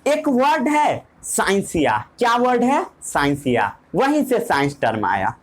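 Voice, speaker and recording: A woman teacher explains a science lesson at an unhurried pace. Her pitch rises and falls a lot as she quizzes the class and repeats key words. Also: wildly swooping pitch, rough recording.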